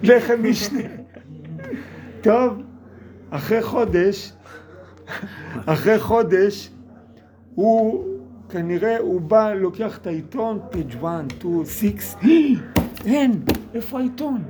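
Man, higher voice, preacher spinning a story-sermon, acts out the characters' lines, mixes in English. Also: pauses often, mellow. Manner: drops English words into his talk. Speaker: religious speaker. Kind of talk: sermon told as a parable.

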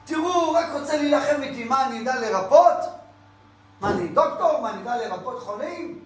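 A man's voice: extremely high pitch, animated, a bit bright, pitched above the performer's own voice. A man voicing a panicked king firing off flustered, defensive questions in an echoey room. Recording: echoey room, mic far off.

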